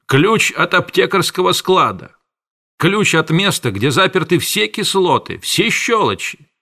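A man's voice: sits high, expressive, unhurried, voice pushed up, heavily acted. Man doing a pompous ranting pharmacist. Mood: ranting, scolding. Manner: shouting scolding tirade. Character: pompous fussy middle-aged male pharmacist, ranting.

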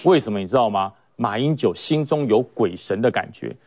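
A man's voice: fairly low pitch, animated, a little fast, a little mellow. A man giving mocking, emphatic political commentary on a talk show. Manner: mocking, emphatic, puts on quoted voices.

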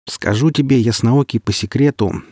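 A man voicing a loud, swaggering male mercenary guard who jeers. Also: mid-range voice, normal speed, no room sound, studio quality, pitched above the performer's own voice, natural voice. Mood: jeering.

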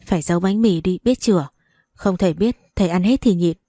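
A woman's voice: fairly low pitch, fairly quick, mellow, dry recording, clean studio sound, close to an everyday voice. A woman voicing a fierce, protective young village mother who scolds and threatens in fury. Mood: tender.

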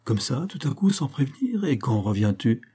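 A man voicing a hearty young husband who answers with quick exclamations in a storybook reading. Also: medium pitch, sing-song, warm tone, husky, pitched above the performer's own voice. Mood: astonished.

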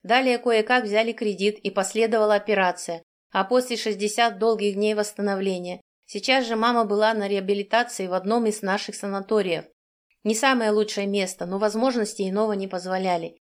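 A woman's voice: mid-range voice, steady tone, a little fast. A woman narrating a first-person audiobook in an emotionally charged, tense reading.

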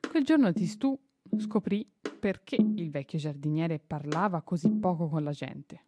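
A woman reading a children's novel aloud on radio, expressive and unhurried, with small slips and self-corrections. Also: lowish voice, faint music behind. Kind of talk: storybook reading. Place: radio studio.

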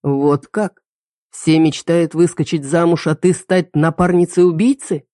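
A woman voicing a dangerous but remorseful young man in an audiobook, speaking low and soft. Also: steady tone, unhurried, no echo, clean studio sound, close to an everyday voice.

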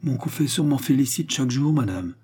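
A man's voice: mid-range voice, lively intonation, brisk, mellow, slightly rough, voice pushed up. A man voicing a stiff, sorrowful young nun. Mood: mournful. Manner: restrained, formal replies. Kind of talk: audiobook character reading.

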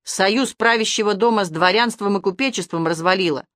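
A woman voicing a gruff old male werewolf police major who rants and lectures. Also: mid-range voice, brisk, fairly bright tone, no room sound, studio quality, close to an everyday voice. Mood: lecturing. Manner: ranting, lecturing.

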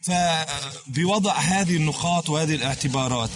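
A man's voice: fairly high pitch, moderate pace, slight background noise. A man questioning a scholar in a recorded religious discussion, laying out his points hesitantly with many fillers and losing his place.

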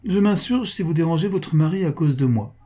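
A man's voice: a little high, animated, a little fast, mellow, pitched above the performer's own voice. A man reading aloud, voicing a good-natured, modest bachelor of thirty-eight with a hearty, self-deprecating manner.

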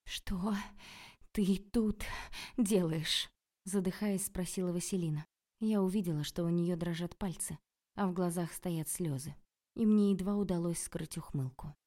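A woman narrating a novel in the first person, expressive and ironic. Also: lowish voice, moderate pace. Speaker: audiobook narrator.

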